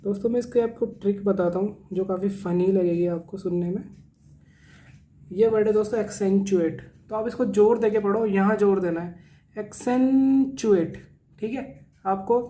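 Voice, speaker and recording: A man gives an exam vocabulary lesson, explaining in Hindi and reading English definitions word by word. His voice is mellow and unforced. He spells terms letter by letter and repeats each meaning several times. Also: sits high, steady tone, normal speed. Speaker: vocabulary teacher.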